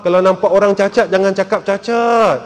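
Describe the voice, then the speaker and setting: A man's voice: high voice, fairly even intonation, a little fast. A man with a Malaysian Malay accent, a religious teacher giving an emphatic sermon and repeatedly addressing the audience. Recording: long hall reverb.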